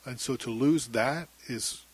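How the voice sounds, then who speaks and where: A middle-aged man with a thin, husky voice, speaking haltingly and reflectively as he tells his own story in an interview. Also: medium pitch. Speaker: interview guest, former radio broadcaster. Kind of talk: candid personal interview.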